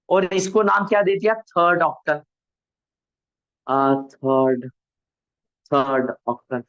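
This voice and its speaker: A high-pitched man teaches a networking class over a video call. He keeps asking his students questions, answers each one himself and stops to fix his own slips. The sound is dull and lo-fi. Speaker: networking instructor. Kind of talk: online class lecture.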